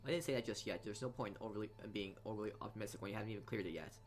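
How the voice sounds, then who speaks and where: Speaking very fast in a lowish voice, a let's play host reads visual novel narration aloud, stumbling and repeating words. Game music plays behind him.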